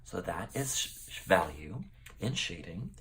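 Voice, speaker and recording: A man teaching a drawing lesson, explaining each step as he works, often checking in with "okay?" and dropping to a low mutter while he concentrates. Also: sing-song, slow, a bit bright, a little hiss or hum. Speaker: art teacher.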